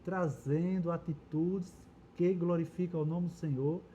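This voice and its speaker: A man's voice: fairly high pitch, steady tone, measured pace, mellow, a little hiss or hum. A Brazilian man leading a Bible study dialogue, reading verses aloud and explaining them earnestly. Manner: reads scripture aloud, then explains it earnestly. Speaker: church Bible teacher.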